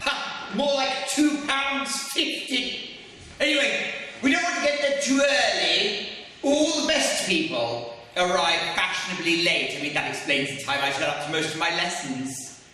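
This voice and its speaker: A man's voice: high-pitched, measured pace, bright, forceful tone, exaggerated voice. A man playing a snide, vain ugly stepsister in a stage pantomime. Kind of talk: amateur stage pantomime acting. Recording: echoey hall from far off.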